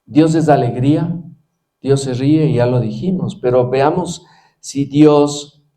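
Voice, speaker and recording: A man's voice: medium pitch, slow pace, mellow. A middle-aged man preaching a sermon in an earnest way, reading scripture aloud and repeating it with emphasis.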